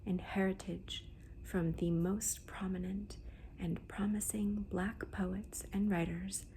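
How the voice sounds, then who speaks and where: Hushed, whispering woman, slow and creaky. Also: medium pitch, flat delivery. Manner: slow, deliberate, gentle pauses between phrases. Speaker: host of a book haul video. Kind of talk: soft-spoken ASMR book talk. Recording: noticeable background noise.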